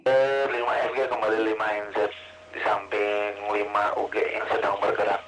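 A man's voice: on the low side, level tone, moderate pace, fairly bright tone, soft background music. A man who operates an amateur radio, chatting in clipped call-sign codes and signing off each turn with "over", heard through a two-way radio transmission. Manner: clipped, ends turns with "over". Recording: hissy radio transmission, sometimes distant.

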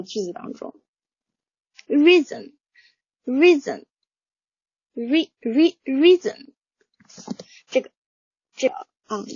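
A woman teaching English vocabulary, slowly drilling word pronunciations and explaining them patiently to learners. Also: fairly high pitch, mellow, slightly rough, no room sound. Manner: slow, patient, drills words aloud. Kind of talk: pronunciation lesson, repeating words. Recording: dull, lo-fi, dry.

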